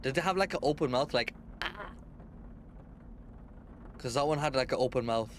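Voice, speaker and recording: A man's voice: medium pitch, very fast, a little hiss or hum. A young man streaming a game, chatting casually with viewers and swearing a lot. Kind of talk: casual live-stream chat.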